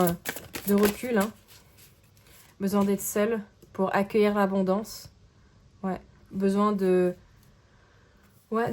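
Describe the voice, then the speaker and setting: A woman giving a casual tarot card reading to camera, in a gentle, searching way that keeps checking in with the listener. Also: mid-range voice, slight background noise.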